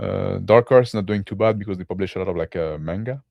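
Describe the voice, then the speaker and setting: Low-voiced man rambling about tabletop games. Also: fast, creaky, no echo, dull audio. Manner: rambling, many fillers and restarts. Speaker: podcast co-host.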